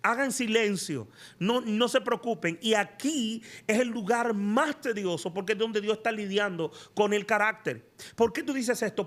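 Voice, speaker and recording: A man's voice: high voice, fairly bright tone. A man preaching a sermon as a prophet and teacher, asking emphatic rhetorical questions. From Latin America.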